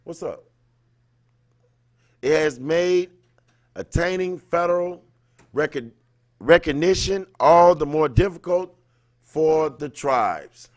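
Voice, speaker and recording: Slow and animated, with long pauses, this man on the high side hosts a livestream in slangy, informal style. He alternates reading aloud with casual viewer chat and calls out viewers by name in the middle of his thoughts. There's no room sound.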